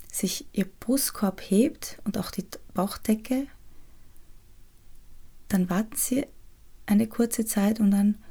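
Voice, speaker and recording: A woman guides a meditation in a soft, soothing half-whisper, pausing often. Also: mid-range voice, gravelly, breathy edge. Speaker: podcast host and resilience trainer guiding a meditation.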